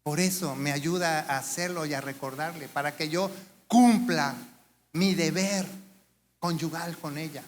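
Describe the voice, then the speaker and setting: Male pastor preaching, high bright voice, lots of rhetorical questions, echoey church hall. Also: a little slow. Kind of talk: sermon. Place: church sanctuary. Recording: church hall reverb with faint room noise.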